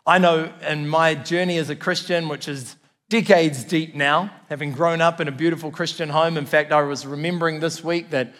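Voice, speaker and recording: A man's voice: a little high, steady tone, moderate pace, a bit bright. A man with a New Zealand accent preaching a sermon as a pastor, in an earnest, emphatic way with repeated phrases. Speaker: church pastor. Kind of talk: sermon to a congregation. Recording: long hall reverb.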